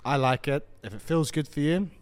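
A man's voice: on the high side, fairly quick, clean tone, no room sound. A man talking in a casual, blokey, informal way as a podcast co-host. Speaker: podcast co-host and jiu-jitsu practitioner. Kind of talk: casual chat.

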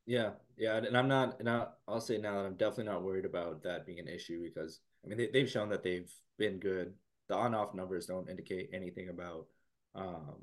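A man co-hosting a casual basketball podcast, talking in a halting way with many restarts while losing his voice. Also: deep voice. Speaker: podcast co-host. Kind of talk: casual sports talk.

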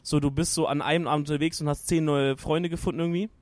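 A man's voice: on the high side, steady tone, fast talker, darkish tone, dry recording. A man in casual group chat at a gaming event, hesitant and searching for words, with lots of fillers. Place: noisy event hall at a gaming party.

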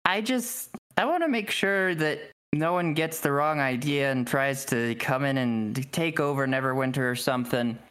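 A man's voice: medium pitch, normal speed, hardly any pauses, a bit bright, smooth, natural voice. A man voicing an eager, naive young boy who rules a town, in a tabletop game, with a folksy drawl he has slipped into. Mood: earnest. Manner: folksy drawl picked up from another character.

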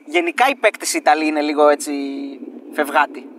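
A man's voice: a little high, big pitch swings, a bit bright. A man co-hosting a casual interview podcast, chiming in with comments and many short agreements. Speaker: podcast co-host. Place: football stadium outdoors. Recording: distant mic, crowd and traffic behind.

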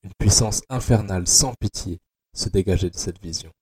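A man narrating an audio adaptation of a dark novel in a slow, measured, tense way. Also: sits low, breathy edge.

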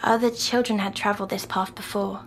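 A woman, softly recounting a dream as a patient in an audio drama. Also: medium pitch, steady tone, lightly acted, rough recording. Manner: soft, slow, dreamy recounting.

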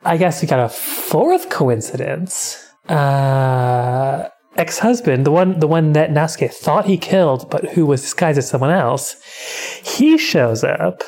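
A woman's voice: deep voice, takes it slowly, dark tone. A young woman casually recapping a film as a co-host, rambling and swearing offhandedly. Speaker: podcast co-host.

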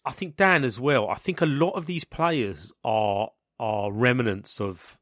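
A man with a gravelly, coughy voice from being sick, hosting a casual football chat and often stumbling and repeating his words. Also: medium pitch, unhurried, a bit bright, dry recording, clean studio sound. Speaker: football podcast host.

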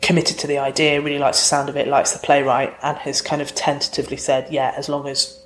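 A woman with a low voice explains her theatre work in casual interview talk. She is brisk and practical. The room around her rings with a noticeable echo. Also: little pitch movement, a little hiss or hum. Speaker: theatre company director.

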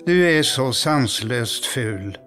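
A man reading aloud, voicing wild marsh ducks who are blunt, stiff and slow-spoken. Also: mid-range voice, lively intonation, a bit bright, soft background music, natural voice.

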